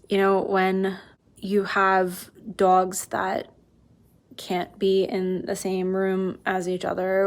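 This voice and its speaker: A woman vlogger explaining things in casual chat, rambling and interrupting herself. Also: medium pitch. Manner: rambling, informal, self-interrupting.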